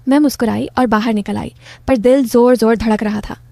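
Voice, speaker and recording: A woman telling a first-person story as scripted narration, in a soft, confiding tone. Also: fairly high pitch, fairly even intonation, brisk, vocal fry, no room sound.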